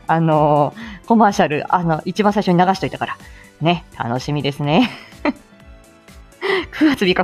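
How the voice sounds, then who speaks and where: This woman's medium-pitched voice is a little mellow. She runs a relaxed live audio show, greeting and chatting with listeners and breaking into frequent laughter mid-sentence.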